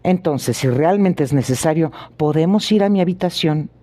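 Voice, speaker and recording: A proud old country squire answers in short, testy lines, as a male reader plays him. The voice is mellow and warm, a little raised in pitch, impatient under its courtesy in this audiobook. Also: moderate pace, lightly acted. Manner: curt, testy replies. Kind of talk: audiobook reading.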